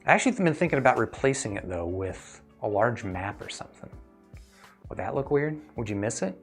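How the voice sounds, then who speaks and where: Hosting a casual livestream that reviews earphones, a man with a medium-pitched voice talks conversationally, thinking aloud as he answers viewers' questions. He is very animated and a little fast, with music playing behind him.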